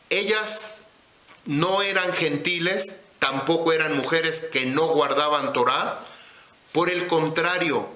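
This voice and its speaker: Slow, bright-voiced male scripture teacher. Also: a little high, roomy sound. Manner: slow, deliberate, asks listeners questions. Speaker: religious teacher.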